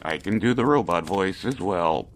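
A man putting on a deep robot voice during casual podcast banter. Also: expressive, normal speed, a little hiss or hum. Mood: robotic. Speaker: podcast guest.

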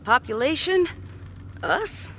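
A woman's voice: sits high, sing-song, slow pace, pushed and bright, slight background noise, full character voice. A woman playing a curt, watchful gunslinger. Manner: curt, few words. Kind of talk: audio drama acting.

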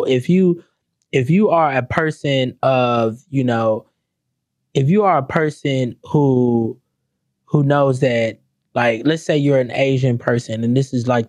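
A young adult man ranting comedically to camera, profane and animated, breaking into mock-sung lyrics. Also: mid-range voice, no echo. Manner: animated, profane, sings song lyrics mockingly. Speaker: commentator.

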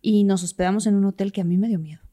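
A woman's voice: medium pitch, fairly even intonation, rapid-fire, mellow. Reactive woman interviewer. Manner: reactive, frequent short exclamations. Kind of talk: casual chat.

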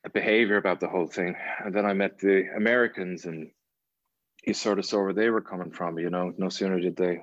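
A man with an Irish accent, an actor talking in a relaxed podcast interview, rambling with many restarts and fillers. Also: sits low, fairly quick, no room sound, lo-fi sound. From Ireland. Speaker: actor guest.

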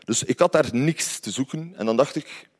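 A man's voice: medium pitch, expressive, moderate pace, slightly rough. A man with a Flemish accent, from Belgium, telling a personal story in a chatty way, often tagging on little questions. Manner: conversational, often adds tag questions.

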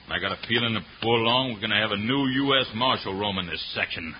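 A man's voice: on the low side, fast talker, natural voice. An actor playing a surly cattleman villain with a snarling, menacing drawl in an old radio western. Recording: muffled old radio recording with hiss.

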